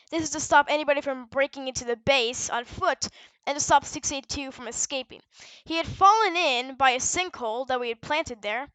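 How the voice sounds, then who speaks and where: This high, slightly bright female voice belongs to a narrator delivering a fictional research audio log. She explains things plainly, follows a partial script, and now and then corrects herself. There's no echo, though the recording quality is rough.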